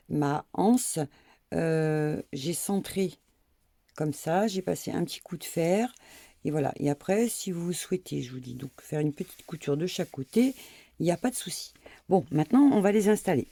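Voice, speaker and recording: Chatty woman sewing, gravelly and husky. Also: low voice, warm tone, dry recording. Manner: chatty, self-mocking, talks while working with many "hop" and "voilà". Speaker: sewing tutorial host. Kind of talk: casual sewing tutorial.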